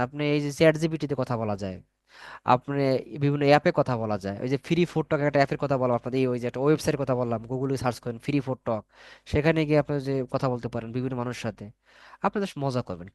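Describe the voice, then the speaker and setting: A man teaching spoken English in an online class. His voice sits a little high for a man and sounds dry and close, with no room around it. He keeps coaxing his students to speak and repeats himself as he explains. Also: no room sound. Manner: coaxing, repetitive, asks students to answer.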